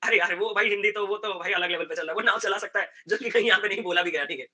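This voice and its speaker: A man teaching math in a lively exam-prep class, acting out exchanges with students and mixing English terms into Hindi. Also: high voice, very fast. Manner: animated, acts out student dialogues, mixes English terms into Hindi. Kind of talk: live online exam-prep lesson.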